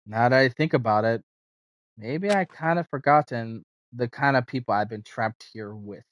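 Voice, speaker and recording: A man streaming a game, casually commenting and reading aloud as he plays. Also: medium pitch. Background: faint game music.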